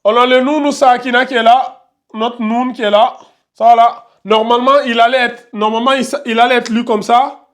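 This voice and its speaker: High-voiced man teaching in a classroom. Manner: repeats each point and checks understanding; slows down to spell out Arabic pronunciations. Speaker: tajwid teacher. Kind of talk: classroom lesson at a board. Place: classroom with students.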